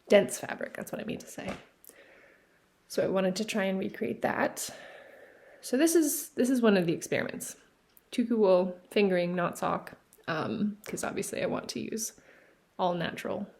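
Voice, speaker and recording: A knitting podcast host from Newfoundland, Canada, talks casually from a seaside cabin with a mid-range voice and a gravelly fry. Their chat wanders, full of fillers and quick self-corrections. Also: female voice, medium pitch, a little mellow. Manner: chatty, rambling, with frequent fillers and self-corrections. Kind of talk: casual show-and-tell chat. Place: cabin by the sea.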